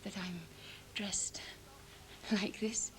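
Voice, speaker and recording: A woman's voice: mid-range voice, steady tone, drawn-out words, slight background noise. An actress playing a bitter young woman in mourning, intense and scornful and at times dropping to a whisper, in a 1970s televised stage drama. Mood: intense, hushed.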